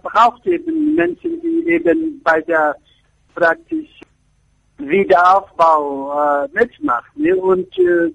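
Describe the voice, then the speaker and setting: High gravelly man, halting. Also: a bit bright, poor audio. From Afghanistan. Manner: halting, searching for words in a second language. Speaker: architecture professor, interview guest. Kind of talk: radio interview answers.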